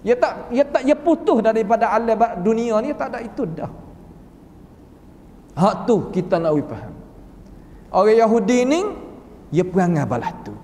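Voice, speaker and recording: A man's voice: high voice, animated, moderate pace, pauses often, darkish tone, a little hiss or hum. A man with a Kelantan-Patani Malay accent giving a Quran commentary lesson as a religious teacher, folksy and full of rhetorical questions. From southern Thailand (Patani). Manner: folksy, asks rhetorical questions, acts out quoted voices. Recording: long reverb of a large hall.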